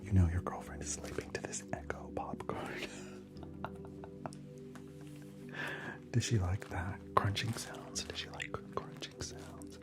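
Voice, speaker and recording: A low-voiced man keeps almost everything in a soft, breathy whisper as he hosts an ASMR livestream. He chats easily and replies to viewer comments one by one, with clear music playing behind him. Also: fairly even intonation, measured pace, pauses often. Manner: chatty, answers viewer comments aloud between snacks.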